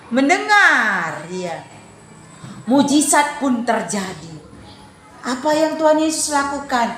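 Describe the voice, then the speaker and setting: High-voiced woman teaching young children. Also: reverberant, slight background noise. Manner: animated storytelling with questions to the class. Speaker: Sunday school teacher. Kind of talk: Bible lesson for young children.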